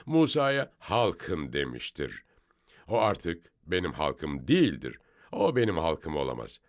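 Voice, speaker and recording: A low-voiced man leads a scripture study discussion, explaining each passage step by step. His pitch rises and falls a lot as he stresses points, and he sounds emphatic and instructive. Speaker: Bible teacher.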